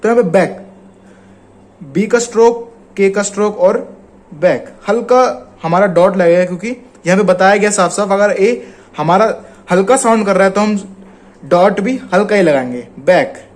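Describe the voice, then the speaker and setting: Indian man teaching, higher-pitched voice. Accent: Indian Hindi. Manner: explains slowly, repeats example words. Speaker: shorthand teacher. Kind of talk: casual spoken lesson.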